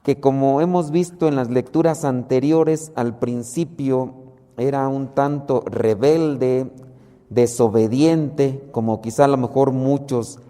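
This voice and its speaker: Man preaching, mellow voice. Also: medium pitch, fairly even intonation, in a large hall. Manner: slow, measured explaining of scripture. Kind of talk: sermon.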